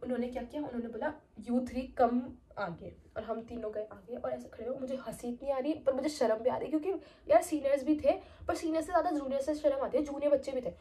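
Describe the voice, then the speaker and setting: High-pitched young woman telling a story. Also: quick pace, few pauses. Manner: animated, slips into quoted voices. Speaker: vlogger. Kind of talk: casual storytime chat.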